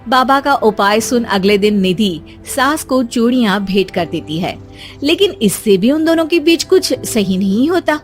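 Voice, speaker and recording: A woman narrating a moral cartoon story in an even storytelling tone. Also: a little high, moderate pace, faint music behind.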